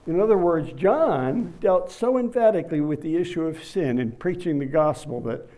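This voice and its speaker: A man preaching a sermon, reading scripture slowly and rising to emphatic bursts on key words. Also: on the high side, lively intonation, dark tone, rough recording.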